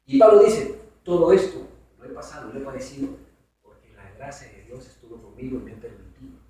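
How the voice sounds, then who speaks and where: Man, Bible teacher, conversational, asks the audience questions, animated pitch, distant mic in a very roomy church hall. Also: fairly quick. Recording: very echoey hall from far off.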